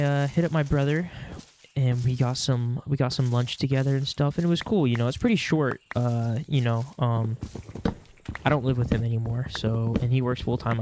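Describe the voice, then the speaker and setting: Playing a game, this stuffy-nosed young man rambles along in casual chat, dropping plenty of filler words as a Minecraft vlogger. He has a mid-range, slightly mellow voice, and there's a bit of background noise.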